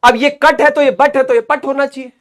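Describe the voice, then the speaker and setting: Young male teacher, very high voice, playful, repeats points for emphasis. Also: brisk. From Rajasthan, India. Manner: lively and joking, repeats questions and answers for drilling. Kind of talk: explanatory lesson.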